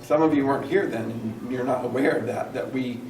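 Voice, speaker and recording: A man's voice: medium pitch, brisk, a little mellow. A male pastor preaching with earnest energy and a middle-range voice. He is picked up from some distance in an echoey church hall. A faint hiss sits under him. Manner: earnest, calls the congregation to repeat lines. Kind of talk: sermon. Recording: echoey room, mic at a distance, faint noise.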